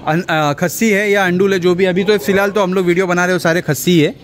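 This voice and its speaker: A middle-aged man vlogs a casual walkthrough of an outdoor goat farm's sheds, speaking fast in a high voice with fairly even intonation. He admires the animals, repeats weights and prices aloud and keeps exclaiming praise. Goats bleat over the outdoor farm ambience.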